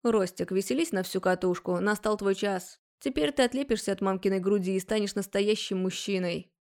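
A woman's voice: medium pitch, darkish tone, lightly acted. A woman voicing a cheeky, teasing young man who grumbles and jokes in a storybook reading. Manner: mischievous, grumbling, unhurried.

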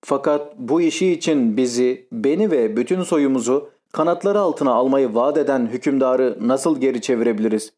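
A male audiobook reader voicing a grave, dutiful middle-aged noble father, speaking heavily and slowly. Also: mid-range voice, darkish tone, natural voice.

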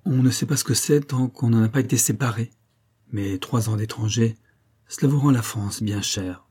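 An honest, kind-hearted young man in a storybook reading, as a man puts him on, earnest and open. The voice is dark and slightly husky, close to the reader's own. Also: medium pitch, moderate pace, natural voice. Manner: earnest, frank. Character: good-natured, frank young man, earnest and sentimental.

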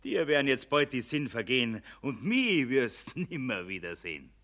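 A man's voice: mid-range voice, sing-song, normal speed. A man playing a bossy, mocking spirit of Money in a Bavarian dialect verse play, taunting and theatrical. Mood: gloating menace. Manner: taunting, theatrical, swooping from shouts to hushed menace.

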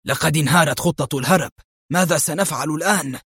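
A man voicing a jumpy, fearful companion in an audio thriller, his words tense and fretful. The delivery sits a little high, recorded close and dry. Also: fast, fairly bright tone, slightly rough, no room sound. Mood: worried. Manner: nervous, worried questions. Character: anxious frightened middle-aged male companion.

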